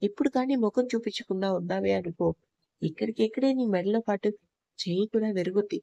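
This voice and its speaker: A woman's voice: mid-range voice, a little fast, creaky, warm tone, no echo, dull audio. A woman voicing a stern, possessive young husband in a storybook reading, speaking harshly and commandingly. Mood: mocking.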